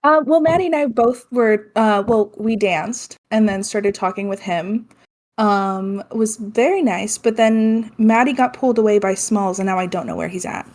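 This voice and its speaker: A woman's voice: medium pitch, normal speed, a little mellow. A woman playing a tabletop game in character, talking in an uncertain, rambling way. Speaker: player.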